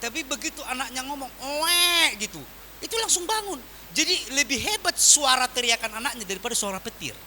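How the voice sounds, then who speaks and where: A man preaching a sermon as pastor, swinging from loud emphatic lines to quiet soft ones. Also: very high voice, quick pace, slight background noise. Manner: animated preaching with wide swings in volume.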